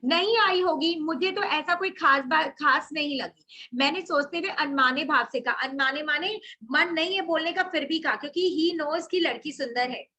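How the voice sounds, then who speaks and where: Young female tutor, high and bright, reads then explains each line. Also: moderate pace. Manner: reads text aloud then explains in mixed Hindi and English. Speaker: teacher. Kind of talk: line-by-line literature lesson.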